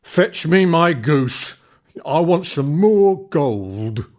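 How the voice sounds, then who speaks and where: A man voicing a huge, foul-tempered giant in a fairy tale, booming and demanding. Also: big pitch swings, drawn-out words, darkish tone, exaggerated voice.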